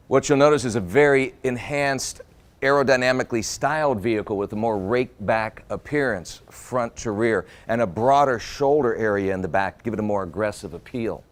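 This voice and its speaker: Guy doing a car walkaround review, upbeat and jokey like a salesman, normal middle pitch.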